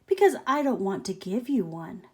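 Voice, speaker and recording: A woman's voice: medium pitch, expressive, moderate pace, breathy edge. A woman voicing a cheeky little male lizard in a picture book read-aloud, with a chirpy delivery.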